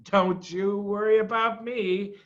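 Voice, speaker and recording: A man's voice: sits high, steady tone, slow pace, a bit bright, highs cut off. A man voicing a cocky, charming fox husband from a storybook, boastful, playful and fond. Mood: boastful, amused.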